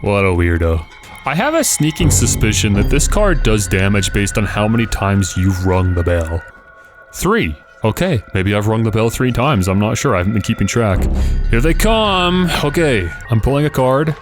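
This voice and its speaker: A man's voice: on the low side, sing-song, moderate pace, over music. A man hosting a gaming video, thinking aloud in casual, reactive commentary.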